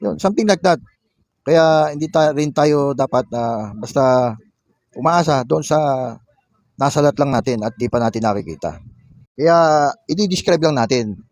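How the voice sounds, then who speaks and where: A man's voice: fairly high pitch, animated, normal speed, darkish tone, no room sound. A man giving a classroom lecture, reading definitions aloud and explaining them with a frequent questioning "no?". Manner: explanatory, frequent tag "no?", reads English definitions then explains. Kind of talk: classroom lecture mixing Tagalog and English.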